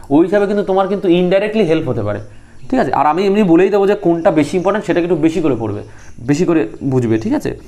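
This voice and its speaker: A man's voice: on the high side, mellow. A young man teaching a group study lesson, drilling names and making students repeat them. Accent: Bengali.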